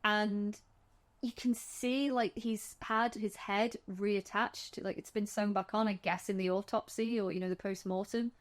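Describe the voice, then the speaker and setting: A woman's voice: medium pitch, steady tone, a little slow. A woman co-hosting a casual film discussion podcast, retelling scenes in a chatty way and often restarting her sentences. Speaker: podcast co-host.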